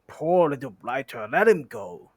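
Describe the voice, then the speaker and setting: A man voicing a huge, slow, soft-hearted male troll in a loud, gruff voice. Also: mid-range voice, very animated, no echo, clean studio sound. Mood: grumbling.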